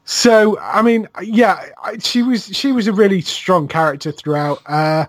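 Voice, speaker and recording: A man's voice: high voice, unhurried, no echo. A man in casual chat reviewing a TV series, agreeing often and listing details at length. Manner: affirming with frequent "yeah", lists facts at length. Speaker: podcast co-host.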